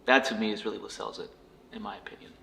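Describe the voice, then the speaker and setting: A man answering interview questions as a guest in a laid-back, brief, halting way. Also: on the low side, level tone, gravelly, bright, forceful tone. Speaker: guest, rental property investor.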